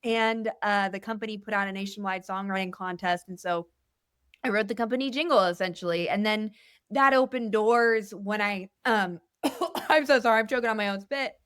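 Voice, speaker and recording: A woman's voice: mid-range voice, a little fast, fairly bright tone, clean tone, dry recording, studio quality. A young adult woman talking as a guest musician in a casual podcast interview. She speaks candidly and earnestly, rambling with many fillers. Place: indoor podcast studio.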